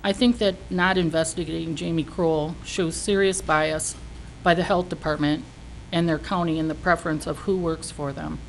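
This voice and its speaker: Lower-voiced woman making an emphatic complaint. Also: rough recording. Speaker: citizen giving public comment. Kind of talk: prepared speech of complaint. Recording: faint noise, meeting room.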